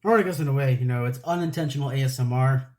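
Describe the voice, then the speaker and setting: A man's voice: mid-range voice, quick pace. A man in his late twenties chatting casually while building a model set, rambling, laughing at himself, breathing audibly into the mic. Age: 20s. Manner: rambling, self-deprecating, laughs often; soft, breathy close-mic talk. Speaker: Lego building vlogger.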